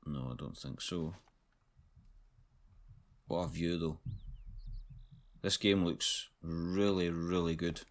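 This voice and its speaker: Low-voiced man narrating a game. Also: slow pace, pauses often. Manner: low-key, thinking aloud. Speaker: gamer. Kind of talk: casual gameplay commentary.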